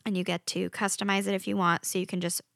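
Podcast co-host, woman, bright with vocal fry, bubbly, dry mic. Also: medium pitch, level tone, fast talker, no room sound. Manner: bubbly, laughs often, many fillers. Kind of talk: casual chat.

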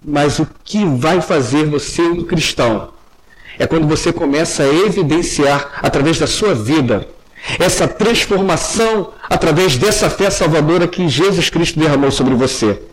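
A young man delivers a sermon in an earnest tone. His voice sits high for a man. He often sinks low and soft when he turns to address the congregation. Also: moderate pace, rough recording. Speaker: preacher.

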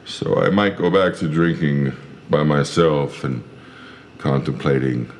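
A man's voice: extremely low pitch, unhurried, slight background noise. A man voicing a drunk, gloomy private investigator who rambles in a befuddled, self-pitying way in a comedic audio drama.

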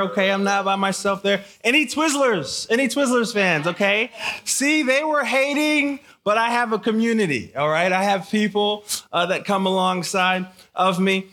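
An American man, born in Haiti and raised in Michigan, preaches conversationally as a guest camp speaker to a live audience of teens. He casually repeats phrases and puts questions to his listeners, his voice high, pushed and bright.

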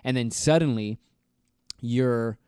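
A man co-hosting a casual podcast discussion, talking in an animated way and acting out quoted exchanges. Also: medium pitch, slow pace, clean tone, no echo, studio quality. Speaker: podcast co-host.

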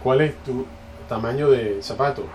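A man's voice: mid-range voice, normal speed, darkish tone, lightly acted. A man putting on an Indian accent to voice his enthusiastic, marathon-loving older father. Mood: eager. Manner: enthusiastic, pushy. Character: eager older father, marathon-obsessed, talkative. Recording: distant mic, noisy room.

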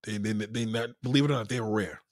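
A man's voice: lowish voice, brisk, dry recording, clean studio sound. A man rants bluntly and profanely to his live-stream viewers, reading out their comments. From New York. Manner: blunt, profane, animated street talk. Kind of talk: casual live-stream rant.

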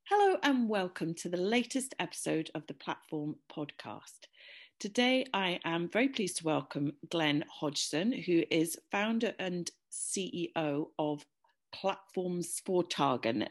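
A woman with a British accent hosting a podcast interview, asking questions in a friendly, conversational way. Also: low-pitched. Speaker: podcast host.

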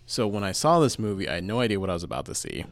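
Low-voiced man reviewing films. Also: sing-song, racing, no room sound. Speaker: podcast co-host, film reviewer. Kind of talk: casual film review chat.

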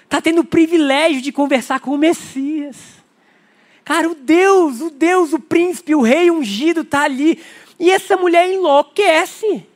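A man with a Brazilian accent preaching a sermon in a chatty way, often putting questions to the congregation. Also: extremely high pitch. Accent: Brazilian Portuguese. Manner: conversational, asking the congregation questions. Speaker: pastor.

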